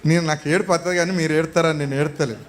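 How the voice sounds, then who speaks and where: A male pastor preaching a sermon, telling a story in a lively way and putting questions to the congregation. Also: a little high, very fast.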